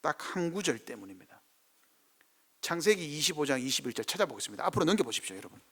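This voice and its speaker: A man's voice: a little high, big pitch swings, fast, pushed and bright, breathy edge. A middle-aged male pastor with a Gyeongsang Korean accent preaching a sermon, acting out quoted speech in dialect.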